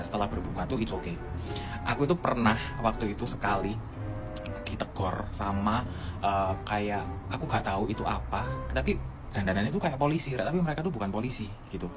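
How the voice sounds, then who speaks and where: Low-voiced man telling a casual story. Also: brisk. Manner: animated, acts out quoted dialogue. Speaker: student living abroad. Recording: music playing under the voice.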